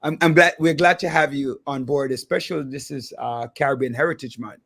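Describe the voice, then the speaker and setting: A man's voice: medium pitch, fairly quick, vocal fry, fairly bright tone, slightly rough. A man hosting a radio talk show, asking questions casually with a few restarts. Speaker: host.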